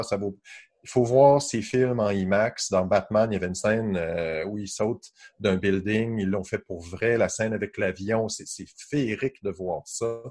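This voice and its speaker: A man's voice: fairly low pitch, darkish tone. A man with a Quebec French accent explaining gadgets and films in casual radio chat, enthusiastic and full of fillers.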